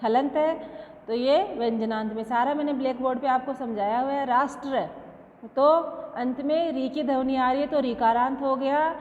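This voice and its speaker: A woman's voice: high-pitched, moderate pace, darkish tone. A woman school teacher giving an online class lesson, explaining step by step, asking questions and answering them herself, and mixing English words into her Hindi. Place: classroom with a blackboard. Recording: dull lo-fi sound with long reverb.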